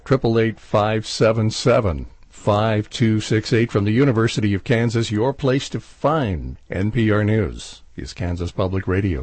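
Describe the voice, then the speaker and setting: A man's voice: fairly low pitch, darkish tone, no room sound. A man hosting a public radio pledge drive, chatting casually and joking between call-to-action lines. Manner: chatty, jokey asides.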